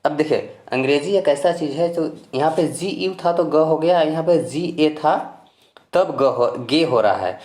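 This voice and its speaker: Speaking at a measured pace in a medium-pitched, slightly mellow voice, a teacher from India guides learners through pronunciation step by step. Spelling letter by letter, repeating rules and reassuring them often, the teacher is recorded with a roomy echo.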